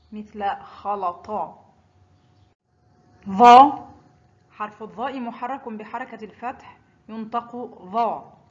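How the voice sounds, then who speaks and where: A woman teaching the Arabic alphabet, saying each letter and example word slowly and distinctly. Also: fairly high pitch, muffled recording. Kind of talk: slow, deliberate pronunciation lesson.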